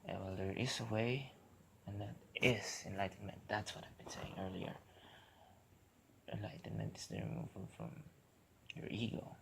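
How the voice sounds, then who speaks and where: A man delivering a casual, rambling philosophical monologue, halting and often repeating or interrupting himself. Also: on the low side, sing-song, gravelly, a bit bright. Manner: halting, repetitive, self-interrupting. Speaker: vlogger. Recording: noisy recording with clicks.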